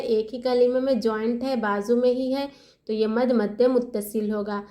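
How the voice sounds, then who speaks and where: A woman's voice: fairly high pitch, mellow. Woman teacher spelling out Quran letters. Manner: asks questions and answers them herself, spells letters slowly. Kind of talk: step-by-step recitation lesson. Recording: echoey room.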